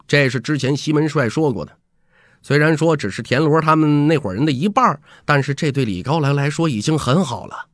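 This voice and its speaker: A man's voice: fairly high pitch, no echo, clean studio sound. A man narrating a serialized fantasy audiobook in a dramatic storytelling manner. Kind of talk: scripted storytelling.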